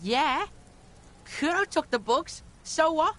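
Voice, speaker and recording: A woman acts out a rude young boy from a video game, cursing freely as he rambles through his fantasies. The voice sits high and sharp with a restless, aggressive edge. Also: animated, slow, full character voice. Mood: brash. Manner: crude, rambling, swearing.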